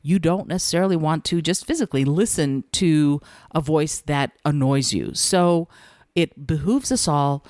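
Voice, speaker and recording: Low-voiced woman, measured podcast host. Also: darkish tone, no room sound, clean studio sound. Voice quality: low speaking voice. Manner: measured and deliberate, with thoughtful pauses. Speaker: podcast host and communication coach. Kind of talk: solo podcast talk.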